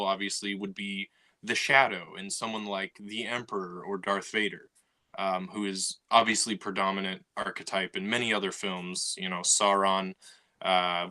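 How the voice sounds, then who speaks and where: Co-hosting a podcast, a man chats casually, full of fillers and restarts as he thinks out loud. His voice sits on the low side, bright and forceful in tone, with a flat delivery at normal speed.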